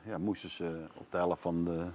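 Older male guest, ex-coach, low voice, blunt and easygoing in casual chat. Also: flat delivery, a little fast, darkish tone. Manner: blunt and laid-back. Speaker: guest, former football coach. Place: TV studio.

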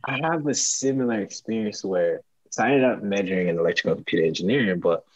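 Young host from Rwanda, deep and husky, upbeat and chatty, dull video-call sound. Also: male voice, quick pace. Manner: upbeat, laughs often, many "you know"s. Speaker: podcast host. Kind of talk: casual interview chat. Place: small room at home.

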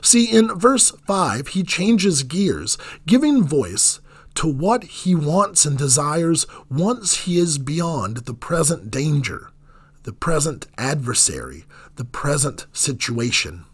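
A man preaching a sermon in an earnest, measured way, letting his voice drop on key phrases. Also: a little high, sing-song, slightly rough.

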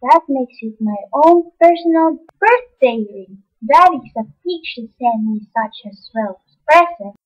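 A woman playing an excitable, plucky young orphan girl in an amateur radio play, gushing in folksy slang. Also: high voice, a little slow, hardly any pauses, dull audio. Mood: thrilled. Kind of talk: old-time radio play acting by an amateur.

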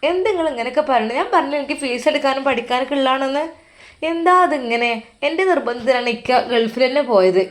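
A woman voicing a sharp-tongued young daughter-in-law who talks quickly and indignantly. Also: a little high, lightly acted.

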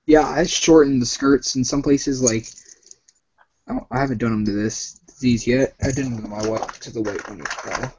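Halting young man, mellow dull phone audio. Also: medium pitch, steady tone, breathy edge. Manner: halting, many "like" fillers. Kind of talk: casual chat. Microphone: phone on video call. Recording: muffled phone call audio.

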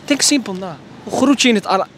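A man's voice: high-pitched, fast, a bit bright. A young man hosting a casual street interview outdoors on a handheld mic, prodding people and repeating his words. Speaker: street interviewer and quiz host. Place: outdoors in parks and town squares. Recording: outdoor street recording, faint traffic noise.

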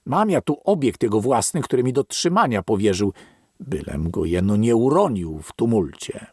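An eager, curious young man, as a male audiobook reader puts him on, raised in pitch and quick to exclaim. His voice is a little husky and lively in melody, and the recording is dry. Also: dry recording, full character voice. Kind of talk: audiobook character reading.

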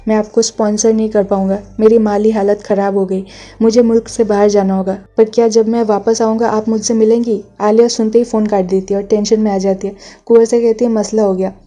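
A woman's voice: mid-range voice, level tone, brisk, mellow. A woman narrating a casual recap of a drama episode, reading each character's lines in her own plain voice.

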